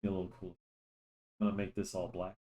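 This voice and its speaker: A young man with a deep, mellow voice chats fast and in a level tone while drawing, rambling with lots of fillers and restarts. He hosts a drawing channel, sounds slightly nasal from a cold, and uses a desk microphone.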